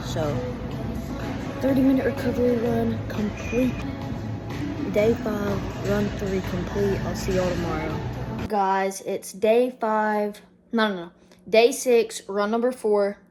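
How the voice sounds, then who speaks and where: A young adult woman chatting casually and informally as a fitness vlogger, rambling a little. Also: mid-range voice. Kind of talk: casual vlog chat.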